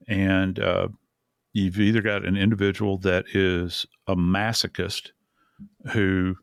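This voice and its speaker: A man's voice: low-pitched, vocal fry, no echo, studio quality. A man, co-hosting a true crime podcast, talking earnestly with many restarts. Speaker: forensic expert co-host.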